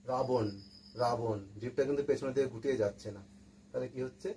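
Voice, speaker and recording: A man's voice: mid-range voice, steady tone, fast talker, mellow, slight background noise, low-quality recording. A man teaching a pronunciation lesson, patiently repeating example words and asking questions. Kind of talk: spoken language lesson.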